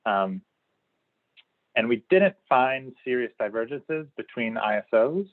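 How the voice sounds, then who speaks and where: A man's voice: medium pitch, lively intonation, measured pace. A male researcher giving a webinar presentation, explaining results with many fillers and restarts, his voice slightly worn. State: losing his voice a little. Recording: tinny phone-like audio.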